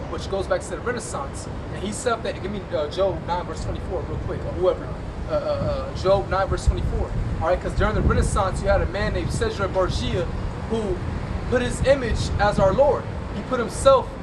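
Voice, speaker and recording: A man's voice: high voice, a little fast. Emphatic man preaching outdoors by traffic. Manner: emphatic, repeats "all right" and "right". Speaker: street preacher. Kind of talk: street preaching to a passerby. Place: outdoors by a busy street. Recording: distant mic, loud traffic noise.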